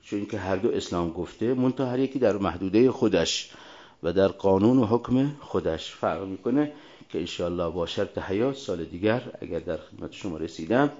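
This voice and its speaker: Male preacher, Arabic accent, lowish voice, didactic sermon delivery with recited quotations, dull lo-fi recording. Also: a little mellow. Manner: didactic, quotes then explains. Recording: dull, lo-fi sound.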